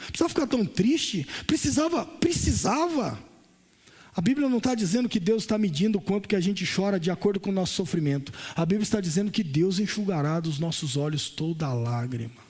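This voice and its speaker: A man with a Brazilian Portuguese accent preaching a Pentecostal sermon at a church service, impassioned, moving between shouted lines and softer ones. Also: high voice. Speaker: pastor.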